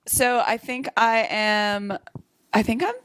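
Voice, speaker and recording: A woman's voice: fairly high pitch, fairly even intonation, takes it slowly, fairly bright tone, clear, resonant tone, no room sound. A young woman co-hosting a podcast, chatting playfully and giggling often. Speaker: podcast co-host. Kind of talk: casual chat.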